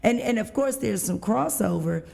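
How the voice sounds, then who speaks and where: Woman, middle-aged, podcast host, gravelly, thoughtful. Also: medium pitch, animated, normal speed, dark tone. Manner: reflective, affirming and building on the guest's points. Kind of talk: casual interview chat.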